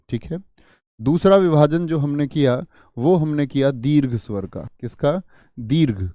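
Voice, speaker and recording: Slow, patient male teacher. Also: mid-range voice, dark tone, no echo. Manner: repeats and dictates, asks the class questions. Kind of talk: online class lesson.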